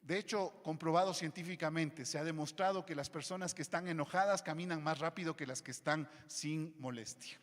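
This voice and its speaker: A man preaches from the pulpit, his voice sitting a little high for a man. He swings between loud, emphatic lines and quiet, low asides. A long church reverb trails after each phrase. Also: fairly quick, few pauses. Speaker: pastor. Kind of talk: sermon. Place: church hall.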